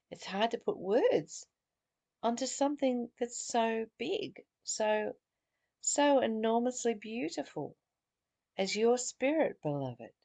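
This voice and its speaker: With a creaky, darkish, mid-range voice, a woman leading a book study reads from a spiritual text as a spiritual teacher. She weaves in earnest, reflective remarks of her own, occasionally stumbling and repeating phrases.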